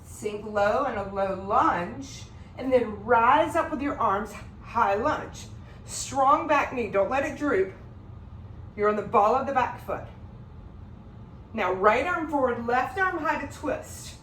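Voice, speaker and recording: A yoga instructor takes her time calling out poses in a flow class, her voice a little high and the space reverberant, with slight background noise. She sounds calm and directive, sometimes slightly winded from the movement.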